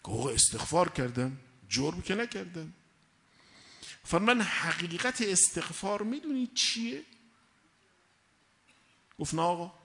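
Male preacher, forceful and bright, deliberate sermon cadence with loud peaks, reverberant hall sound. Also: mid-range voice, gravelly. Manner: emphatic, slow measured delivery with sudden loud rises.

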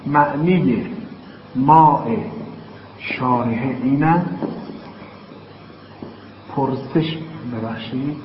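A man teaching a logic class, dictating terms slowly and then explaining them with quick everyday examples. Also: medium pitch. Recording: echoey, dull hall recording with faint hiss.

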